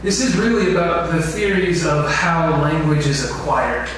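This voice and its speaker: At a moderate pace, a man with a somewhat high, slightly bright voice teaches an info session lecture and frequently asks the room questions. He's the instructor, heard through a distant mic in a very reverberant lecture hall with faint noise.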